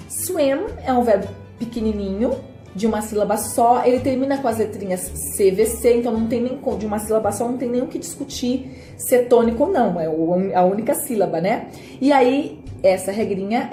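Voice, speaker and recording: A woman's voice: fairly high pitch, mellow. Patient woman teaching English grammar. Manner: patient, playful, repeats rules with "né?". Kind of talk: video lesson explaining grammar. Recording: echoey room, faint background music.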